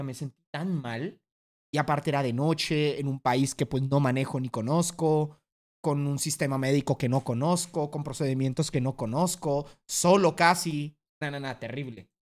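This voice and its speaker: A man streaming a casual reaction to a video, talking bluntly, swearing freely and now and then acting out a voice in a sudden loud burst. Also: a little high.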